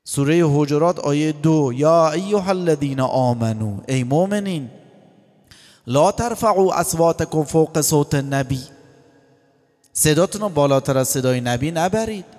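High-voiced animated man lecturing in a hall. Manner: animated, acts out voices and quotes scripture. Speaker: cleric. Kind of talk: religious lecture. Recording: long hall reverb.

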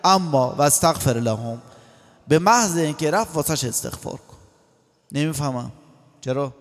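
Man, religious lecture, high voice, animated delivery, long hall echo. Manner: animated, acts out voices and quotes scripture. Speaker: cleric.

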